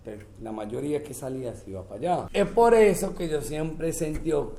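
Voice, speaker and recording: Animated Venezuelan man, echoey room. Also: a little high, fairly quick. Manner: animated storytelling, mimics regional accents, laughs often. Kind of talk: casual chat. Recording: echoey room with faint noise.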